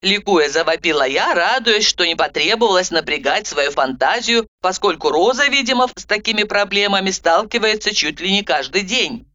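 A woman narrating a first-person story in a wry, lively way, on a dull lo-fi recording. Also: medium pitch, normal speed, hardly any pauses. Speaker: audiobook narrator.

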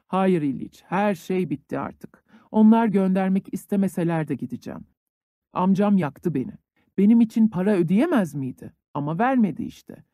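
A desperate young peasant conscript out of an old village tale, as a man reads him aloud, heavy with grief and quick to rage. His voice climbs high when he yells, dark and mellow in tone, and sits close and dry on the mic. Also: lively intonation, dry recording. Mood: sorrowful. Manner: grief-stricken, turning to furious shouting.

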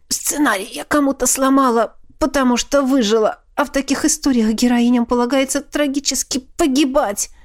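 A woman voicing a sharp-tongued young female agent, injured and snapping back in a storybook reading. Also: sits high, expressive, a little slow, pitched above the performer's own voice. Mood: snappish.

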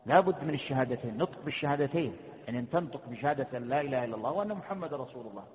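A sheikh teaching a creed class, quizzing his students and repeating his questions in a mix of colloquial and formal speech. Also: medium pitch. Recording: tinny phone-like lecture recording in a reverberant hall.

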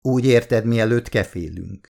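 A crude, teasing young man, voiced by an audiobook reader talks in a low, gravelly voice. His banter is vulgar and playful throughout. It is read as an audiobook character. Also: darkish tone.

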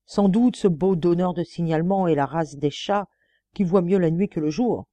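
A woman's voice: fairly low pitch, normal speed, mellow, no room sound, close to an everyday voice. A woman reading the part of a defiant, ironic male murder suspect under questioning. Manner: mocking, then indignant pleading.

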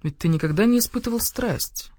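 A woman voicing an excitable young badger-cat detective who talks emotionally and teases his partner. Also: a little high, a little fast, no room sound, clean studio sound, pitched above the performer's own voice. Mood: dramatic.

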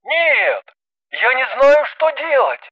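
A woman's voice: on the low side, a little slow, no room sound, phone-quality sound, lightly acted. A woman voicing a timid, flustered man who pleads hesitantly over the phone in a storybook reading.

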